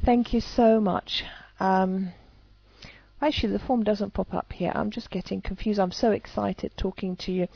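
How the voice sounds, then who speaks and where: A woman's voice: medium pitch, creaky, dry recording, lo-fi sound. Hesitant woman talking to camera. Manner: hesitant, many restarts. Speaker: EFT practitioner. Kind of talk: casual talk to camera.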